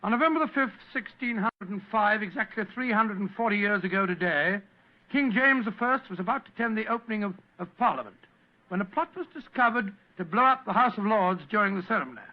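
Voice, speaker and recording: High-voiced fussy older English doctor. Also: male voice, lively intonation, brisk. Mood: genial, storytelling. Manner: avuncular, chatty storytelling. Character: genial, fussy older English doctor recounting past adventures. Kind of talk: 1940s radio acting. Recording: muffled vintage radio broadcast.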